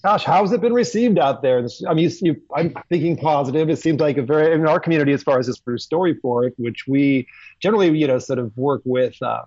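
A man's voice: a little high, quick pace, darkish tone, dry recording. A man hosting a casual chat on a video call, rambling through many fillers and restarts. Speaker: host. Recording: dry, dull video-call audio.

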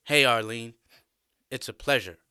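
A man's voice: mid-range voice, unhurried, pushed and bright, clean tone, dry recording, studio quality. A man doing a patient, earnest male teacher.

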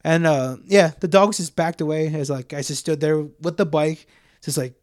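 A young man co-hosting a podcast, telling stories in a loose, profane, animated way with plenty of fillers. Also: fairly high pitch, moderate pace, no room sound, studio quality. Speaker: podcast co-host. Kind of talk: casual storytelling chat.

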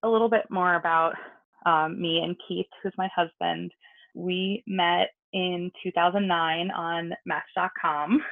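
A woman's voice: on the low side, fairly even intonation, unhurried, vocal fry. A woman chatting informally as a podcast guest, heard over a tinny remote line. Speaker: podcast guest, wedding photographer. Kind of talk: casual interview chat.

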